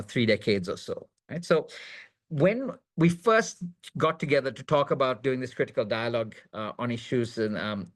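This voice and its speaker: Man moderating a video-call webinar. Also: mid-range voice. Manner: many fillers and restarts, measured. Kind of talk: hesitant spoken introduction.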